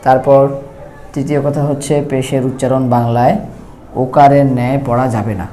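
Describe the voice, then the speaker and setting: A man teaches Quran letters in a calm, even, mellow voice. He goes step by step and stretches each sound out slowly. A faint hiss sits under the recording. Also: mid-range voice. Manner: slow, repetitive, drawn-out letter sounds. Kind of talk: step-by-step recitation lesson.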